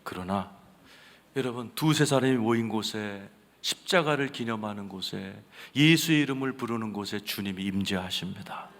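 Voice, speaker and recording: A man preaching a sermon as senior pastor, telling a story with sudden swings between loud outbursts and hushed asides. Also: fairly low pitch, moderate pace, creaky. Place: large church sanctuary. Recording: reverberant church hall.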